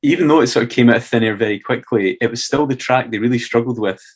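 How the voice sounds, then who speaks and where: A man's voice: mid-range voice, fast talker, husky. A Scottish man co-hosting a music podcast, talking in an easygoing way and hedging with "sort of" and "kind of". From Scotland. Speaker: podcast co-host. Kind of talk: casual chat.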